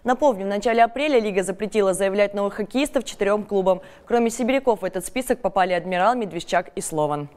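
A woman's voice: mid-range voice, quick pace, few pauses, a little mellow, a little hiss or hum. A young woman reading scripted sports news as a studio anchor.

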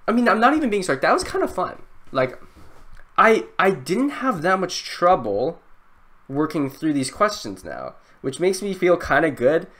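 A young man thinking aloud through a timed test, frantic and self-mocking, now and then breaking into loud outbursts. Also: high-pitched, sing-song, moderate pace. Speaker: youtuber.

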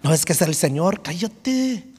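A preacher mimicking fussy, scolding churchgoers, hissing at someone to be quiet. The voice sits high and stays low in volume. It rings out in a reverberant sanctuary. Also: male voice, animated, a little slow, husky, exaggerated voice. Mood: scolding hush. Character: scolding churchgoers hushing a blind beggar.

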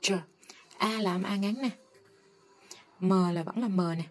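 Husky woman teaching phonics. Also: mid-range voice, fairly even intonation, a little mellow. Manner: slow, drawn-out modeling of sounds. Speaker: English teacher. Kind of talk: phonics lesson.

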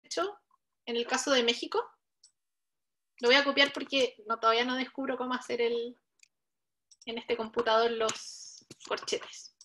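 A woman with a clear, bright teaches a live online coding workshop. Her voice sits high, and she addresses the learners directly as she walks them through each step with patience. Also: steady tone, moderate pace, pauses often, slight background noise. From Chile. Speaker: workshop instructor.

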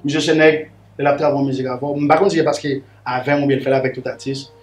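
A man's voice: medium pitch, fairly even intonation, quick pace, a little hiss or hum. A man, a guest musician telling a long story in a casual, rambling way, repeating words and the filler "là". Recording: roomy echo with faint music underneath.

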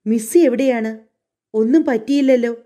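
A woman's voice: a little high, moderate pace, mellow, pitched above the performer's own voice, close to an everyday voice. A woman doing an apologetic male coachman. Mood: worried. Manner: deferential, defensive.

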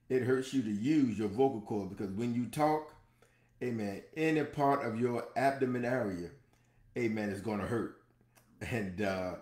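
A man's voice: on the low side, a little mellow. A male pastor leading a morning devotional, reading viewer comments aloud and answering each with amens while he recovers from a procedure. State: recovering from a procedure, some soreness. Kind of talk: live-streamed devotional talk. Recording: roomy echo.

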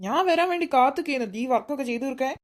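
ഒരു സ്ത്രീ ചെയ്യുന്ന ക്ഷീണിച്ച, പേടിക്കുന്ന വീട്ടമ്മ. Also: female voice, high-pitched, expressive, very fast. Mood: weary. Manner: muttering to herself, easily scared. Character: tired woman home from work, jumpy.

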